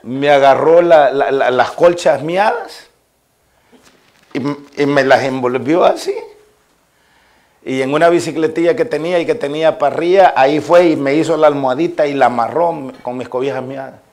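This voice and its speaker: A slightly high, somewhat mellow male voice at normal speed belongs to a pastor with a Salvadoran Spanish accent. Preaching a sermon to his congregation, he tells homely stories to listeners and rises to emphasis to drive home his points.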